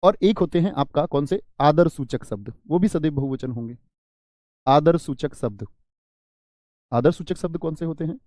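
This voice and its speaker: A male grammar teacher lectures his online class with lively, drawn-out stress on key words and friendly asides to his students. His voice sits a little high but sounds warm and mellow. The room is dry and close to the mic. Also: no echo. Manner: animated teacher, stretches and stresses single words for emphasis.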